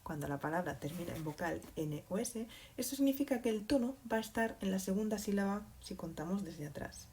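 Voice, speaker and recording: A woman teaching Spanish to learners, speaking slowly and patiently, often checking in with a questioning "mm?". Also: medium pitch, expressive, a little mellow, a little hiss or hum. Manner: slow and deliberate, spells out examples. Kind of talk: explaining grammar to learners.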